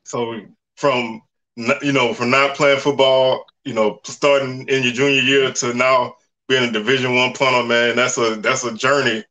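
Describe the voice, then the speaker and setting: A man's voice: mid-range voice, level tone, normal speed, bright, forceful tone. A man hosting a casual talk show over a video call, chatty and laid-back with lots of fillers. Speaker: show host. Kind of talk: casual interview.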